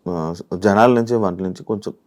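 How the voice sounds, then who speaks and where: A man's voice: fairly low pitch, brisk, a little mellow. A man hosting a casual interview, asking friendly, probing questions. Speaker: interview host.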